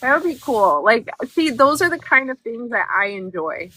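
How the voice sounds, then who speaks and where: Guest slot: bubbly woman, bright lively voice, phone video call. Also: fairly high pitch, normal speed, slight background noise, poor audio. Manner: bubbly, enthusiastic, laughs often. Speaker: guest artist. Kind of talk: casual video-call chat. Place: moving from indoors to outdoors.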